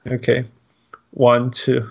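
A man hosting a casual podcast chat, switching freely between Mandarin and English in an animated way. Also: mid-range voice, extremely slow, vocal fry, husky, dull audio. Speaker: podcast host.

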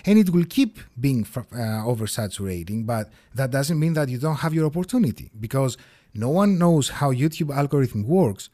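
A man in his thirties from Greece with a Greek accent, chatting animatedly as an interview guest and laughing often. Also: normal speed. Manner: animated, laughs often, shifts pitch freely. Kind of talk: casual interview chat.

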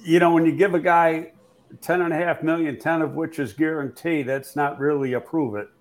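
A man's voice: a little high, fairly even intonation, moderate pace. Man breaking down football moves. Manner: analytical, frank, with frequent fillers and restarts. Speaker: football analyst host. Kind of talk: casual football podcast talk.

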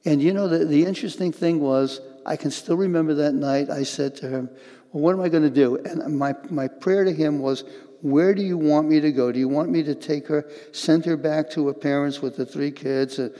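A man's voice: fairly high pitch, dark tone, long reverb tail. Earnest older male pastor preaching. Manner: earnest, halting, repeats words as he talks. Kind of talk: sermon.

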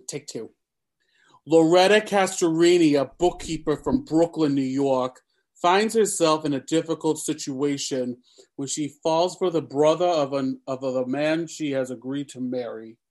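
A man's voice: medium pitch, moderate pace, a little mellow. A man hosting a casual podcast chat, reading film facts and laughing off his slips over names. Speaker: podcast host.

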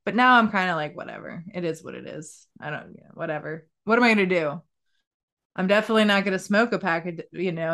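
Hosting a podcast interview, a woman chats in an upbeat, effusive way and laughs often. Her voice is fairly low in pitch with a fairly bright tone, and the talk is a casual interview chat.

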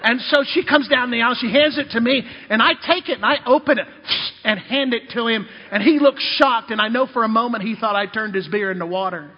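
A preacher and missionary speaks briskly in a very high voice, barely pausing at all. His sermon is full of funny personal stories and direct calls to the congregation, and it comes through as dull lo-fi audio in a hall with plenty of reverb.

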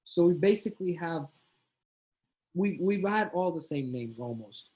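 A man co-hosting a casual football chat, animated and slangy, often talking over his partner. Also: fairly high pitch, unhurried, rough recording. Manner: animated, swears, says "bro", talks over his partner. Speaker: podcast co-host.

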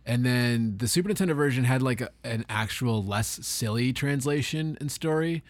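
A man co-hosting a casual podcast about retro games, relaxed and easygoing. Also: medium pitch, normal speed, no echo. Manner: laid-back, short agreeing replies. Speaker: podcast co-host.

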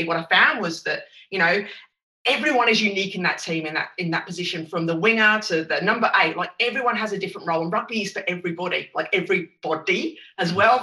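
A woman with an Essex accent speaks in a very bright, sharp voice, upbeat and emphatic as she chats in an interview. She sounds roomy and set back from the microphone. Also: medium pitch. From Essex, England. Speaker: podcast guest, chief executive. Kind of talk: enthusiastic interview conversation. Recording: roomy echo, distant from microphone.

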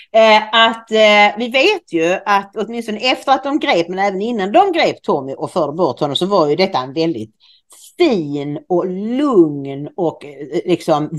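A woman co-hosting a casual news commentary podcast, musing speculatively and often restarting her sentences. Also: on the low side. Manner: speculative, stumbles and restarts mid-thought. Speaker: podcast co-host.

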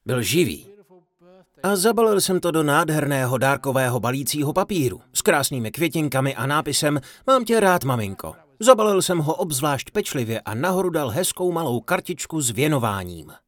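Lively, playful male storyteller. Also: on the high side, no room sound. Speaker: Czech voice-over of a Buddhist teacher's talk. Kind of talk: humorous dharma talk storytelling.

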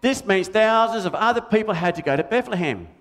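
Man voicing a puppet, Australian accent, childish, toy-mad, easily confused, high voice, church kids' show. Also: animated, fairly quick. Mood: cheeky confused. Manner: bouncy, silly, easily confused, sings. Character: cheeky puppet named Big Red, childish and toy-mad.

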